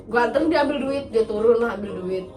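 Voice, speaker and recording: A woman, casually telling a story on a podcast, animated and acting out the quotes. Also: fairly high pitch, fast, recorded from a distance. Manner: animated, acts out quotes, laughs often. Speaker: podcast host. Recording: roomy, off-mic, music behind.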